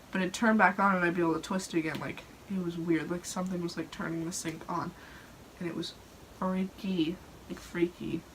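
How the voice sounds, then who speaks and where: Recorded on a phone propped on a dresser, this poor-quality clip has clear background noise. A young adult woman hosts a casual storytelling session about her own experiences, rambling and chatty with a heavy use of "like." She has a mid-range, fairly bright voice.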